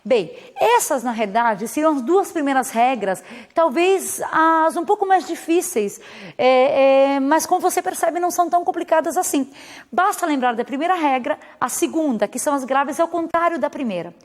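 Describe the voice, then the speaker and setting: A woman's voice: high voice, lively intonation, normal speed, big-room sound. A woman teacher who speaks natively, explaining grammar rules patiently in a recorded video lesson and checking in with her students. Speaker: Spanish teacher.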